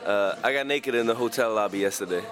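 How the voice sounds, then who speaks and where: Joking band singer in a casual interview. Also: male voice, fairly low pitch. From Luxembourg and Spain. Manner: joking, halting, thoughtful.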